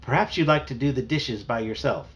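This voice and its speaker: A man's voice: medium pitch, brisk, fairly bright tone, natural voice. A man voicing a no-nonsense mother in a read-aloud storybook, firm and scolding.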